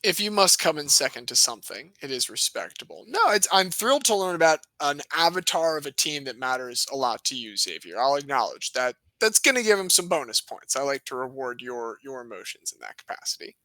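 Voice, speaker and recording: A man co-hosting a podcast, telling a sports history story in a playful, animated way with jokey asides. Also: mid-range voice, brisk, hardly any pauses, no echo, rough recording. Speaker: podcast co-host.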